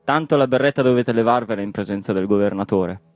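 A man voicing an excitable middle-aged hatter who talks in a high, flustered, stubborn way. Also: fast talker, dry recording, close to an everyday voice.

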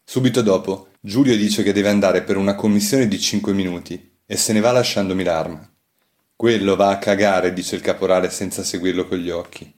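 A man reading a literary novel aloud as an audiobook, in a measured first-person storytelling voice. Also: low-pitched, fairly even intonation, a little mellow. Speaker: audiobook narrator.

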